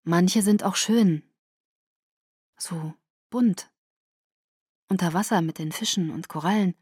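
A woman's voice: on the low side, takes it slowly, darkish tone, husky, no echo. Woman voicing a tearful young woman, breaking voice, dry close sound, audiobook. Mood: dreamy.

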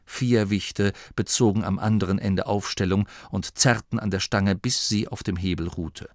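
A man reading an audiobook as narrator in a lively storytelling manner on a close studio mic. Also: on the low side, moderate pace, no echo. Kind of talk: scripted narration.

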